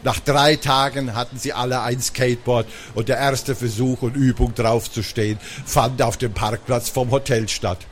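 A man reading a children's story aloud in a lively, animated way. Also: mid-range voice, normal speed, hardly any pauses, a little hiss or hum.

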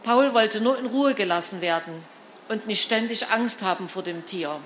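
A woman narrating a children's storybook in an expressive, lively reading style. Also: mid-range voice, normal speed, slight background noise. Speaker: storybook reader.

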